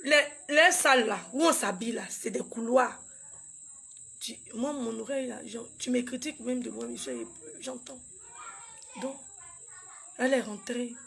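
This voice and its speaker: A woman, a mother, tells a painful personal story in a halting, repetitive way, acting out what each person said. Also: on the high side, lively intonation, creaky, fairly bright tone, slight background noise. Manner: halting and repetitive, acts out dialogue. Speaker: grieving mother recounting a loss.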